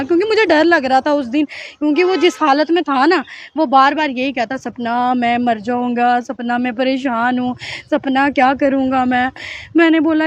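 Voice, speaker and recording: High-voiced woman pleading her case. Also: no echo. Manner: earnest and pleading, often acts out others' words. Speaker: interviewee telling her account. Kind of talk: emotional personal testimony. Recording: dull, dry lo-fi recording.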